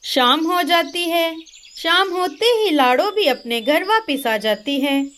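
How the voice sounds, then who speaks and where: A woman's voice: very high voice, expressive, slow, fairly bright tone, a little hiss or hum. A woman narrating a children's cartoon story.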